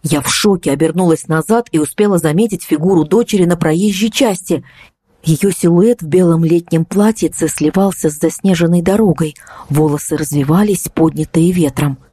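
A woman narrating a first-person audiobook in a measured, tense storytelling manner. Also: fairly low pitch, dark tone, slightly rough, dry recording, studio quality.

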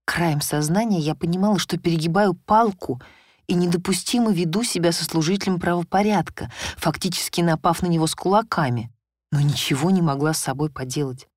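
Woman narrating an audiobook in first person, lowish voice, super dry close sound. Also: fairly quick, darkish tone, dry recording. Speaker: audiobook reader.

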